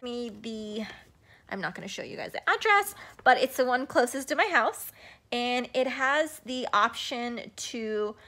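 A woman's voice: fairly high pitch, expressive, measured pace, bright, forceful tone. Chatty woman vlogging into her phone. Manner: chatty, upbeat, many ums. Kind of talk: casual vlog walkthrough. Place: at home, then in a parked car. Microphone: phone camera at arm's length.

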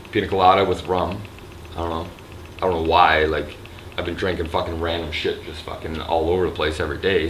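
A slightly drunk man with a raspy throat, rambling and swearing loosely in a casual vlog, filmed on a handheld camera in a resort hotel room. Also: low voice, fairly bright tone, a little hiss or hum. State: a little drunk. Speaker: vlogger. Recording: echoey room with faint ambience.

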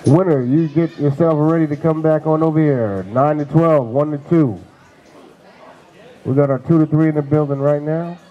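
A man announcing classes at a dog show, loudly chanting out the class names to the ring. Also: on the high side, normal speed, muffled recording. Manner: loud, chanting calls of age classes. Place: large indoor show venue.

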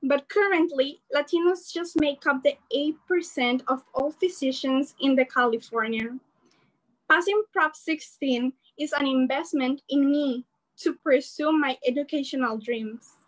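High-pitched teen girl giving an earnest speech from her bedroom, laptop webcam on a video call. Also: unhurried, poor audio. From El Salvador. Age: teens. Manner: earnest, animated, gestures while speaking. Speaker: student organizer giving a rally speech. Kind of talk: prepared speech. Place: bedroom at home.

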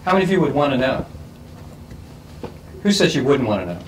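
A middle-aged man moderating a group discussion, asking quick, playful, probing questions in a school library. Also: mid-range voice, big pitch swings. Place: large school library, indoors. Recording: distant mic with faint room noise.

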